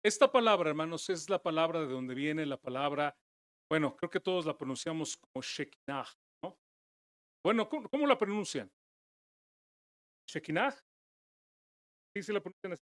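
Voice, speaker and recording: A man preaching a sermon as pastor, earnest, dropping his voice low and soft and then rising to emphatic declarations. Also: animated, normal speed, pauses often, no room sound, studio quality. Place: church.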